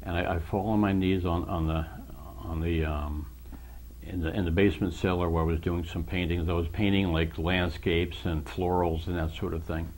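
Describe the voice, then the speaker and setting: A man's voice: low voice, steady tone, normal speed. A man giving an emotional personal testimony of his faith, retelling conversations in an earnest storytelling way and sometimes dropping to a whisper. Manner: earnest, emotional, quotes others in dialogue; voice drops to soft whispers at moments.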